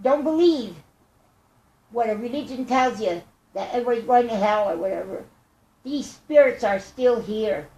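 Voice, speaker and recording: An older woman with a squeaky, chipmunk-like helium voice, speaking earnestly and haltingly in a rambling personal monologue. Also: lively intonation, dark tone. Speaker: vlogger. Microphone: tablet microphone. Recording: echoey room.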